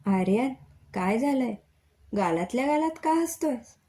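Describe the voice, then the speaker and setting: A woman's voice: on the high side, animated, a little slow, warm tone, a little hiss or hum, pitched above the performer's own voice. Woman reading as fussing middle-aged mother. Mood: teasing.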